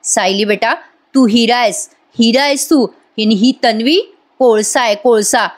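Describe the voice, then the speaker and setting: Lady playing a stern older mom-in-law in a soap recap, slow and cutting. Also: on the high side, close to an everyday voice. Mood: scornful. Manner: firm, cutting, scolding. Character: older mother-in-law, stern and scornful matriarch.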